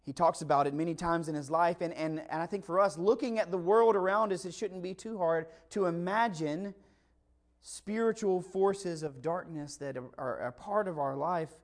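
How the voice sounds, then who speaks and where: A man's voice: on the high side, normal speed. A man preaching a conversational Christmas sermon, emphatic and full of rhetorical questions. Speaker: pastor.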